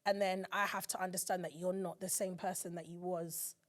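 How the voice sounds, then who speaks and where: A woman's voice: fairly low pitch, a little fast. A woman in her thirties from England, co-hosting a podcast in casual chat, telling stories with feeling. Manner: emotional, animated storytelling with put-on voices. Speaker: podcast co-host.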